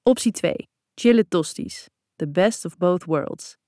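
A woman's voice: fairly low pitch, expressive, slow pace, a little mellow, dry recording, studio quality, exaggerated voice. A woman reading the lines of an easygoing, playful young man in a light, teasing manner. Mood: breezy.

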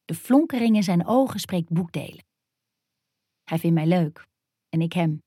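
A woman narrating a first-person erotic story, her voice on the lower side and close. She reads in an intimate, hushed, dreamy manner, with a dry, roomless sound. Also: lively intonation, unhurried, husky, no room sound.

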